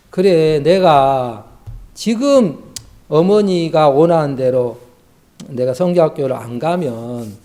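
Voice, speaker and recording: A man's voice: on the high side, warm tone. A man, a missionary preacher, telling a personal testimony in a sermon with emotional storytelling. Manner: emotional storytelling, acts out quoted dialogue.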